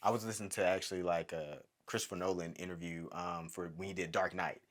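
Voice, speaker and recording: A man's voice: sits low, quick pace. A man, a film director hosting a podcast, chatting casually and telling stories with lots of fillers. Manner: animated, rambling storyteller with many fillers. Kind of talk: casual conversation.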